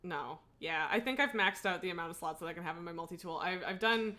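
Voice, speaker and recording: A fast-talking woman with a lowish, sharp-toned voice hosts a gameplay livestream. She keeps the chat casual and informal, thinking out loud, leaping from thought to thought and mocking herself along the way.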